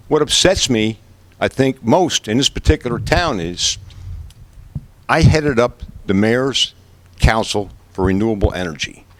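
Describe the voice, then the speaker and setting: A man's voice: medium pitch, fairly bright tone, no echo. A man in the role of an energy industry advocate, speaking to a school board and summing up his points in a firm, direct way. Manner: assertive, direct, sums up points firmly. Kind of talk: summarizing remarks at a public board meeting. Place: school board meeting room.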